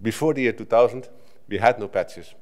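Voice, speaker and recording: A man's voice: on the low side, brisk, a little mellow. Middle-aged Dutch man giving a conference talk. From Netherlands. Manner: conversational, with frequent restarts and filler "right?". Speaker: conference speaker. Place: conference hall stage at a lectern. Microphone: lectern microphone.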